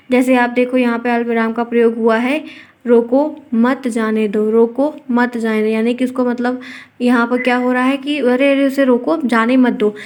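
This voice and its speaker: A young adult woman teaching an exam-prep class, explaining patiently, repeating key points and mixing in English words. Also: a little high.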